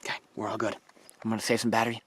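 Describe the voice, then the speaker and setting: A man's voice: fairly low pitch, little pitch movement, very fast, fairly bright tone. A man giving casual vlog commentary, recorded outdoors in the backcountry. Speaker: outdoor vlogger. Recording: noisy outdoor field recording.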